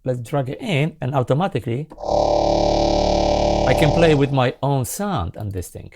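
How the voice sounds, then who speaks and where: Here a fortyish man who isn't a native English speaker demonstrates a synthesizer plugin as host and sound designer, keen and halting in a casual tutorial. His mid-range voice swings widely in pitch. He records indoors in a small home studio, where loud synthesizer sounds and music fill the background.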